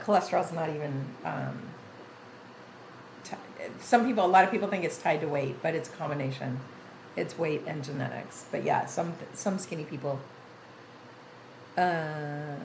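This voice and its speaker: A woman's voice: sits low, vocal fry, reverberant, a little hiss or hum, rough recording. A woman in her sixties hosting a gaming livestream, chatting casually with her viewers and reading chat names aloud, rambling with frequent restarts. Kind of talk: casual chat with live chat readers.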